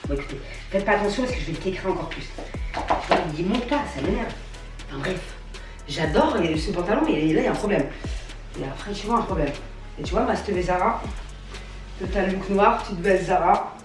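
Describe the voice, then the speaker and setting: A woman's voice: fairly low pitch, lively intonation, brisk, long pauses. Young woman, gushing slang, mock outrage, roomy echo, faint music. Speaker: fashion vlogger. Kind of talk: casual clothing haul chat. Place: at home, trying on clothes. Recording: echoey room, mic at a distance, faint music.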